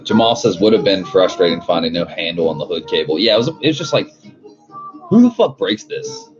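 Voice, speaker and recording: Deep-voiced, sweary frat-bro guy. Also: expressive, quick pace. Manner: frat-bro slang, heavy swearing and "dude". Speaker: car livestream host. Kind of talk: casual livestream chat, reading out viewer comments. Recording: muffled audio with loud music behind. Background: loud music.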